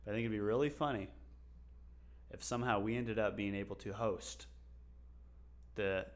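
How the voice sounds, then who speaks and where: A man's voice: fairly low pitch, moderate pace. A man co-hosting a casual podcast, rambling and joking with frequent laughs. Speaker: podcast co-host. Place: local to Las Vegas.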